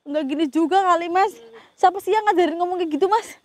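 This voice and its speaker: A woman's voice: very high voice, fast talker, dry recording. A woman hosting a ghost-hunting vlog outdoors, talking casually and calling her companion "Mas" and her viewers "teman-teman.". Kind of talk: casual on-location vlog talk. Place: outdoors among trees.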